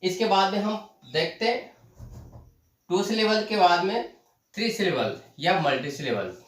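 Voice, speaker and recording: Slow high-voiced man teaching, echoey room. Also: lively intonation, fairly bright tone. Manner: slow, repeats terms and asks the class questions. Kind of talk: classroom lesson explanation. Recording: echoey room, voice from far off the mic.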